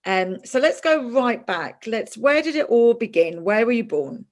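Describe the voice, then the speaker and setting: A podcast host who moved to Ireland in 2000 chats casually with a close friend in an interview, warm and full of fillers, often restarting her sentences. Her fairly high voice has lively intonation and a measured pace.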